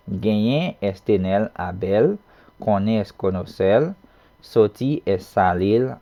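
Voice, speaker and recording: A man's voice: fairly low pitch, creaky. A man teaching a recorded online language lesson, patient and checking in often with the learner. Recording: dull lo-fi sound.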